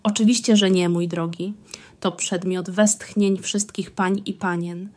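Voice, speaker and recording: A woman's voice: lowish voice, steady tone, a little slow, darkish tone, lightly acted. A woman voicing an effusive aristocratic countess and wife who talks in an emphatic, gushing way.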